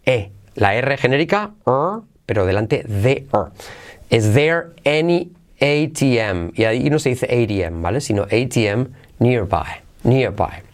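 A man runs a podcast pronunciation lesson. He breaks phrases down sound by sound and repeats them slowly before dashing through quick side remarks. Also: mid-range voice, big pitch swings. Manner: switches between quick asides and slow drilled repetition. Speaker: English teacher.

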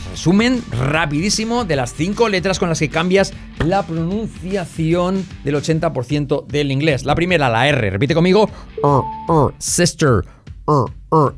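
A man who speaks Spanish natively, teaching English pronunciation in a lesson and drilling words in threes for the viewer to repeat. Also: on the high side.

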